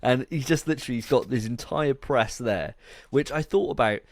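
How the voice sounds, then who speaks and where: A man's voice: medium pitch, moderate pace, dry recording, clean studio sound. A man hosting a casual movie review chat, blunt, sarcastic and sweary. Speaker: podcast host.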